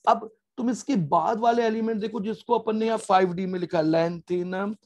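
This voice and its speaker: A male chemistry teacher giving a classroom lesson, chanting and singing memory jingles and drawing the words out slowly between quick explanations. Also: high voice, darkish tone.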